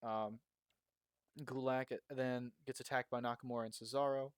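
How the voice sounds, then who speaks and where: A man's voice: mid-range voice, flat delivery, moderate pace, smooth, dry recording. Rambling young man, dry close sound. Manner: rambling, swears freely, many fillers. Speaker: podcast co-host. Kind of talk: casual wrestling review chat. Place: makeshift home recording spot.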